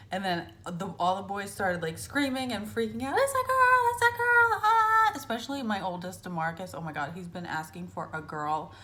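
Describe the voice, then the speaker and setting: A woman's voice: on the low side, a bit bright. Chatty woman telling stories to camera. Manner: chatty, storytelling with lots of fillers and acted-out quotes. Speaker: vlogger. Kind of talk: casual chat to camera.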